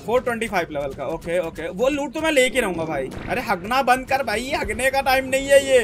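A young man from India talks through a survival game in loose, excitable commentary, and his voice sits unusually high. He keeps talking to himself and his in-game creature, firing off quick exclamations, while a faint hiss of noise runs underneath. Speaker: gaming YouTuber. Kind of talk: casual gameplay commentary.

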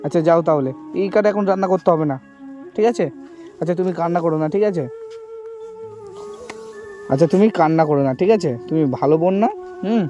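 A man who talks to a young woman in a gentle, reassuring way and keeps asking "okay?". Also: fairly high pitch, fast talker, pauses often. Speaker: charity video host. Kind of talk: staged outdoor conversation. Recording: dull lo-fi sound with music behind. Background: background music.

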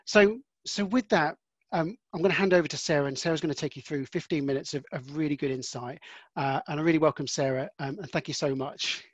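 A host on a video call handing over to the next speaker, in a halting way with many fillers. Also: medium pitch, husky, dry recording. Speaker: event host. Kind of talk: introducing a speaker.

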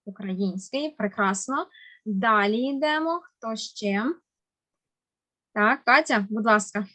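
Her voice is fairly high, pushed, and bright as she gives kids an online language lesson over video. Patient and encouraging, she stresses words slowly and carefully and compliments each answer.

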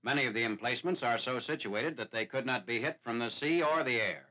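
A man reading a scripted wartime newsreel narration in a formal, measured announcing manner, heard on an old 1940s newsreel soundtrack. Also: medium pitch, bright, forceful tone. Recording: noisy, hissy 1940s newsreel film soundtrack.

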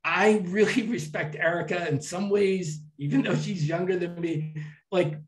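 A man's voice: high-pitched, measured pace. A man giving a public talk to an audience and telling travel stories in a chatty way, with some restarts. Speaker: travel speaker. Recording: echoey hall from far off.

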